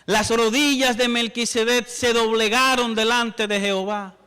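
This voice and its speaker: A man's voice: very high voice, steady tone, measured pace, bright, forceful tone, smooth. A middle-aged man preaching a sermon as pastor, telling a story and rising to emphatic passages. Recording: long hall reverb.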